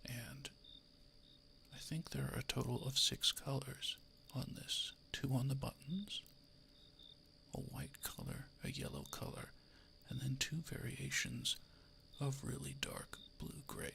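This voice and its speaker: A man whispering casual, chatty ASMR into a close microphone, breathy and soft, with self-amused asides. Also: medium pitch, expressive, slow. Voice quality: breathy whisper with creaky edges. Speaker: ASMR artist and host. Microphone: close microphone through an audio interface.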